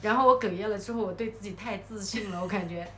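Woman co-host, lively storyteller with frequent laughter, bright and slightly high voice, echoey room. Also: fast talker. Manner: animated, laughs often while telling a story. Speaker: podcast co-host. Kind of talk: casual chat, storytelling. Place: hotel room. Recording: echoey room, faint background noise.

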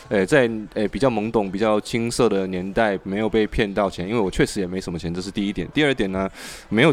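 A man hosting a podcast, telling a story in an animated, casual way with frequent restarts. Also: on the low side. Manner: animated, laughs and restarts often. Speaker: podcast host.

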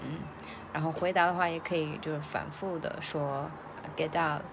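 A woman's voice: low-pitched, fairly even intonation, normal speed, noisy background. A woman keeping a language-learning diary, repeating words carefully with hesitant fillers.

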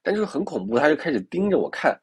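Husky fast-talking male podcast host. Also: a little high, very animated. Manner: talks to the listener directly, with many asides; restarts and fillers while recounting. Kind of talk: casual storytelling monologue.

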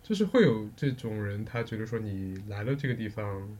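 A man co-hosting a podcast, reasoning through ideas in a casual, measured way. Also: fairly low pitch, sing-song, darkish tone. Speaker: podcast co-host. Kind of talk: casual chat.

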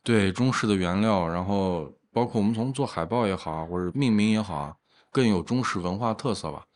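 A man's voice: on the low side, fairly quick, darkish tone. A man talking casually as a craft brewer being interviewed, explaining things in an agreeable, affirming way.

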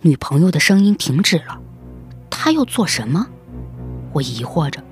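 A man narrating a first-person story in an expressive, suspenseful, dramatic manner. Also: on the high side, moderate pace, husky, soft background music.

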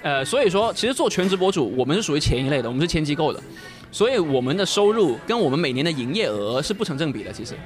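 Animated man with a light Cantonese accent. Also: fairly high pitch, racing, soft background music. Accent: light Cantonese-accented Mandarin. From Guangzhou, China. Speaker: guest, full-time short-video creator. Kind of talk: casual podcast chat.

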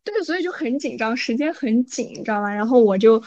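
A woman co-hosting a podcast, telling a story in a casual, animated way and often checking in with her listener. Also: on the high side, fast, lo-fi sound. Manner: animated, frequent "你知道吧" asides. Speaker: podcast co-host.

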